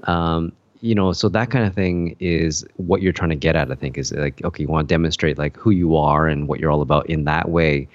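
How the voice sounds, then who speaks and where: Deep guy rambling on a podcast, lots of likes and ums, muffled dry sound. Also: steady tone, fairly quick, few pauses, no echo. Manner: rambling, many fillers and restarts. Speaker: podcast co-host. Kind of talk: casual chat.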